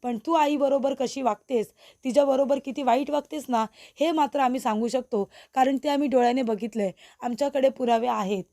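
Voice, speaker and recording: A woman's voice: high-pitched, a little fast, vocal fry, few pauses, dark tone. A woman voicing a sarcastic young man who challenges the wife to show proof.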